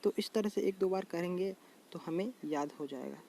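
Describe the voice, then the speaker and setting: A man's voice: sits high, creaky, mellow. A man explaining a general knowledge lesson in a casual, repetitive way, often calling out to his viewers as friends. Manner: addresses viewers as friends, repeats terms slowly. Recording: faint background noise.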